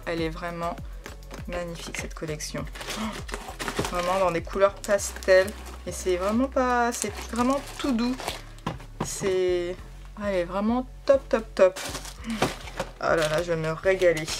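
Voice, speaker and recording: Woman crafting vlogger, gushy and chatty, medium pitch, clear background music under her voice. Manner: gushing, enthusiastic, many fillers and repeats. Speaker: scrapbooking vlogger. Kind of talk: casual product unboxing chat.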